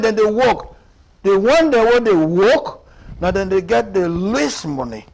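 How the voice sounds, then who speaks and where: A man's voice: high-pitched, vocal fry, low-quality recording. A man in his seventies with a Sierra Leonean Krio accent, giving impassioned political commentary as a radio guest, emphatic and repetitive as he mixes Krio and English. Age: 70s.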